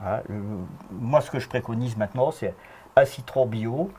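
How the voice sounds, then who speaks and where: A man's voice: mid-range voice, moderate pace, dark tone, a little hiss or hum. A man with a Lorraine accent, explaining home health remedies in a folksy, chuckling way during a casual chat. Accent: Lorraine French. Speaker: guest herbal health advisor.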